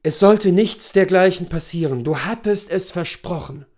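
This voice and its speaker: A man's voice: high voice, normal speed, voice pushed up, close to an everyday voice. A man reading the part of a bitter, humiliated rich husband who snaps resentfully. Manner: sharp, resentful outbursts.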